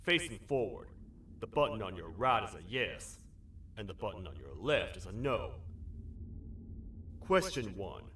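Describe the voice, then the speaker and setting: A man voicing a gruff, dutiful toad sheriff in a video game, with a stern, wry, folksy lawman manner. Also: on the low side, big pitch swings, unhurried, pauses often, pushed and bright, far from the mic, slight background noise, full character voice. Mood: stern, interrogating. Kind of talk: video game character acting.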